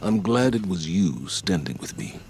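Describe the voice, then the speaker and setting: A man playing a weary, remorseful veteran commander in a video game, solemn and measured, with halting, dignified delivery. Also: low voice, sing-song, darkish tone, a little hiss or hum. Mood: weary, accepting. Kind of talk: dramatic video game acting. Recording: cinematic music behind. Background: music.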